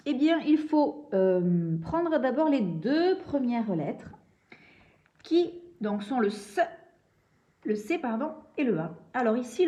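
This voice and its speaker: A woman's voice: sits high, warm tone. A young woman teaching a reading and handwriting lesson, patiently walking through sounds step by step. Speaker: primary school teacher.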